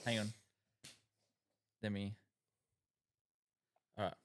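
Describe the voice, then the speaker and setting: A man's voice: fairly low pitch, flat delivery, extremely slow, a little hiss or hum. A man co-hosting a podcast in casual chat, laid-back and laughing easily, swearing often. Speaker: podcast co-host.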